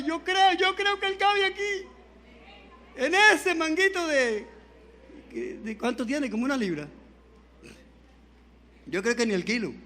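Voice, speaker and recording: A male Pentecostal preacher giving a fervent sermon, swinging between quiet pleading and shouting, calling on the congregation for amens. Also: extremely high pitch.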